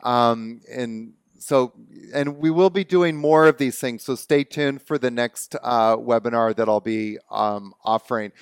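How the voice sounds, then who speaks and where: A man with a Canadian accent hosting an online webinar, talking in a relaxed, chatty way and laughing easily. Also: medium pitch, a little slow, clear, resonant tone, no echo. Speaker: webinar host and movement teacher. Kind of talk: casual online webinar talk. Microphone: video call.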